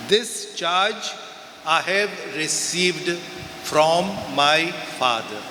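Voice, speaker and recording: A Goan-accented priest reads the Gospel and preaches his homily at Mass in short, measured phrases, his voice fairly high and animated. He comes through a pulpit microphone over the speakers of a large church, with long, echoing reverb and a noisy background.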